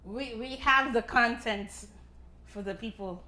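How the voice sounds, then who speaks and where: A woman's voice: a little high, a little slow, pushed and bright. A woman hosting a podcast in casual chat, teasing her guest and laughing often. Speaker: podcast host. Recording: echoey room.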